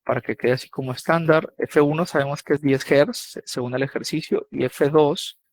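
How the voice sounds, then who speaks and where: A man's voice: fairly high pitch, fairly even intonation, moderate pace. A man teaching a live online coding lesson, casual and checking in with students often.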